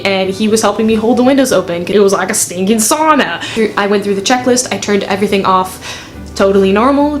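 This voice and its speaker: Casting: woman, twenties, mid-pitched, candid and self-deprecating, casual chatty storytelling to camera. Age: 20s. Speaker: student pilot vlogger. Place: bedroom, indoors.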